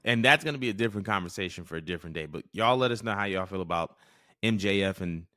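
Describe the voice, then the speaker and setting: A man co-hosting a casual chat show, leading the topics in a clear, steady, presenter-like way. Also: sits low, fast talker, dry recording, clean studio sound. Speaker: podcast co-host.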